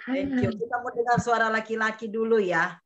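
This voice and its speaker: A woman's voice: fairly high pitch, normal speed, fairly bright tone, lo-fi sound. A woman hosting an online worship meeting on a video call, affirming each speaker and calling on the next. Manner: affirming, calls on speakers by name.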